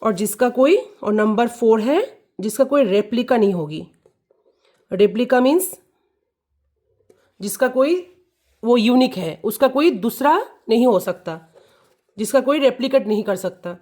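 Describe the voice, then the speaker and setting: A woman explains a grammar lesson to children at an unhurried pace. She repeats words over and over and keeps checking that they follow. Her voice sits a little high. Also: expressive, darkish tone. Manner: repeats key words, checks "clear?" and "ठीक है". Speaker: teacher.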